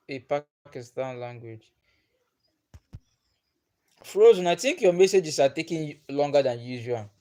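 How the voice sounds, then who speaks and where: Warm and mid-range, this man's voice carries a casual livestream where he, as host, reads viewer comments. His first language is Igbo. He's a patient talker who repeats himself and chuckles often.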